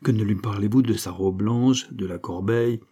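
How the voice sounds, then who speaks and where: A man's voice: fairly low pitch, normal speed, dark tone, slightly rough. A man reading the part of a scheming middle-aged suitor who talks brusquely and impatiently.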